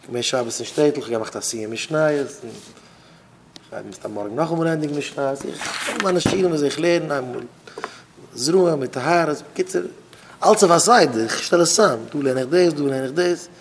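A man, a rabbi, giving an informal sermon to students, repeating phrases for emphasis and swinging between loud bursts and quiet asides. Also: fairly high pitch, normal speed, a little hiss or hum.

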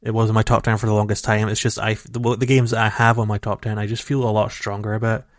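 This gaming-podcast co-host speaks fast in a lowish voice and a level tone, drifting through long rambling passages full of fillers and false starts. It's casual, recorded raw on a home computer mic over a call, with dry audio and no room sound.

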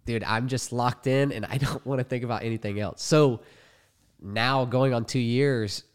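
A man's voice: mid-range voice, steady tone, normal speed, clean tone. A young man hosting a casual podcast, congested and hesitant, rambling with many fillers. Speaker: podcast host and YouTuber.

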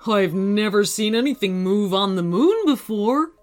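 A woman's voice: mid-range voice, expressive, unhurried, a little mellow, soft background music, natural voice. A woman voicing a clever, brave male T-Rex who is a tech wizard, in a children's storybook. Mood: curious.

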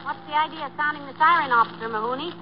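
An actress playing a sensible, gently chiding wife in old-time radio comedy, prim and mildly exasperated. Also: female voice, high-pitched, racing, slight background noise, close to an everyday voice. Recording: dull old radio recording.

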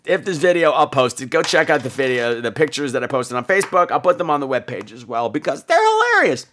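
A fast-talking American podcast host, his medium voice a bit bright and wildly swooping in pitch, spins comedic stories from his own life. The delivery is campy, theatrical, exaggerated and bluntly profane, with a little hiss or hum in the audio.

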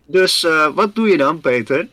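A man's voice: fairly high pitch, lively intonation, moderate pace, bright, forceful tone, dry recording. A man casually telling a history story to his co-host on a podcast, rambling with many fillers and often calling his co-host by name.

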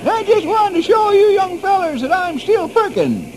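A cranky, comical old-timer pipes high and swoops as he wisecracks in folksy style. It is an old radio adventure with a noisy recording. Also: big pitch swings, normal speed. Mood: teasing. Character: cranky, comical old-timer, a hungry male ranger sidekick.

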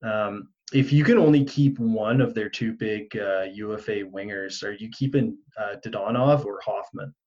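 A man's voice: lowish voice, normal speed, few pauses, a little mellow, dull audio. A man hosting a podcast, asking questions in a casual, conversational way with some stumbles. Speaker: podcast host.

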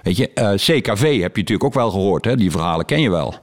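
A man in casual conversation, telling animated stories from his work as a stage performer and acting out what people said. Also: low voice, fast talker. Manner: animated storytelling with quoted voices.

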